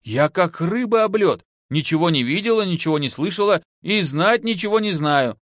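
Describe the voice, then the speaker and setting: A man voicing a coarse, lewd drunk peasant woman, hoarse from drinking and wheedling. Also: sits high, expressive, moderate pace, a bit bright, no room sound, studio quality, voice pushed up. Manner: wheedling, giggling, rustic.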